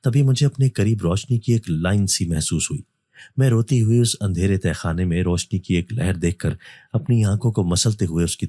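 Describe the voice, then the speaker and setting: A man reading a first-person horror story as a storyteller, in a steady, even manner. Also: low-pitched, dry recording, clean studio sound. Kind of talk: scripted narration of a horror story.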